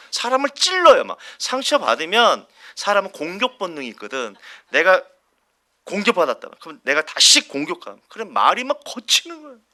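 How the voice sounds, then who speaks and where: Preaching at a Sunday church service, this pastor has a sharp, high-pitched male voice. With plenty of animation, he puts questions to the congregation and plays out ordinary squabbles, chuckling along.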